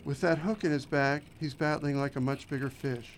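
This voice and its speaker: A man's voice: medium pitch, fairly even intonation, moderate pace, a little hiss or hum, natural voice. A man voicing a practical, matter-of-fact angler. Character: angler in the fighting chair, practical. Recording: narration over background music.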